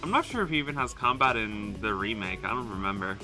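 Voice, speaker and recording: A man's voice: on the low side, very animated, fast talker. A man talking in a casual, offhand way as he streams a video game. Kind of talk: casual chat while gaming. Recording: clear game music behind voice.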